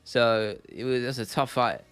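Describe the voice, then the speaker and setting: A man's voice: medium pitch, unhurried, a bit bright, clear, resonant tone, dry recording. A man hosting a casual livestream, chatting informally and laddishly with viewers and repeating phrases for emphasis. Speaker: livestream host. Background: faint music, keyboard clicking.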